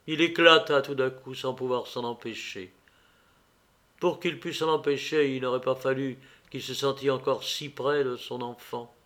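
A man narrating a classic story as an audiobook in a measured, expressive way. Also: mid-range voice.

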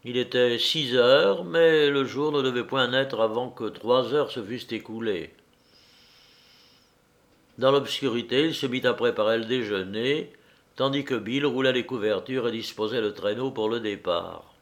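A man reading a novel aloud in a measured, deliberate audiobook narration. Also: mid-range voice.

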